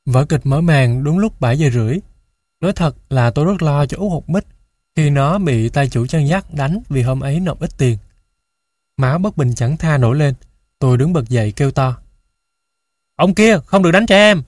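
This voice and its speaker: A man reading a first-person children's story aloud in a steady, measured way into a close mic. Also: medium pitch, no room sound. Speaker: audiobook narrator.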